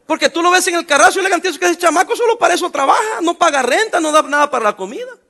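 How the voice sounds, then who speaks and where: A middle-aged man preaching a sermon, his voice high for a man, bright and gravelly. He jokes, turns sarcastic and talks in everyday slang to the congregation. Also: expressive, very fast. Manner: sarcastic, joking, colloquial preaching. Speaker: pastor.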